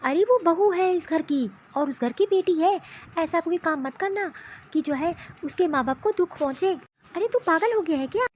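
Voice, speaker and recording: A woman's voice: very high voice, expressive, moderate pace. A woman doing a scolding cartoon mother-in-law. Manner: scolding, exasperated. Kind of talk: animated cartoon voice acting. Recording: slightly muffled lo-fi recording.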